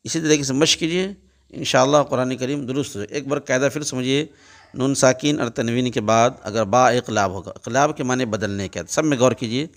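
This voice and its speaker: A man teaching Quran recitation, spelling out letters and vowel marks step by step and switching between chanted recitation and plain spoken explanation. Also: medium pitch. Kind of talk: recitation lesson.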